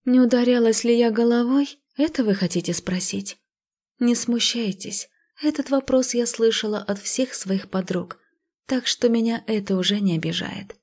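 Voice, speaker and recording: A woman voicing a listless, melancholy fifteen-year-old village girl who speaks flatly and half in a whisper, in a storybook reading. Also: fairly high pitch, normal speed, pitched above the performer's own voice. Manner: flat, emotionless, half-whispered.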